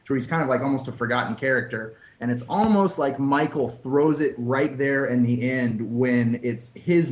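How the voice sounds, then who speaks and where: A man's voice: mid-range voice, a little hiss or hum. A man in casual book-club chat, talking enthusiastically and rambling through his thoughts. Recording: roomy echo.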